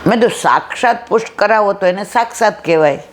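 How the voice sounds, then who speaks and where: A woman's voice: medium pitch, fairly quick, slight background noise. A woman giving a devotional satsang talk, telling anecdotes with acted-out dialogue and rhetorical questions. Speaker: satsang speaker.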